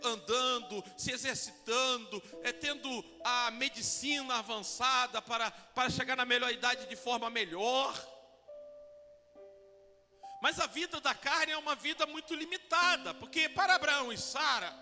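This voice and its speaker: Male pastor in his forties preaching, halting with restarts; very high, sharp voice in a reverberant hall over faint music. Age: 40s. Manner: preaching with fillers and restarts, acting out quoted lines. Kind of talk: sermon.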